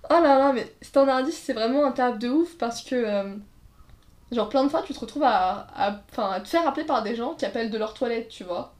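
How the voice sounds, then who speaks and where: Roomy-sounding woman telling lively stories. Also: a little high, fairly quick. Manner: lively anecdotes with voiced quotes and laughter. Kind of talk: casual storytelling chat. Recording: roomy echo.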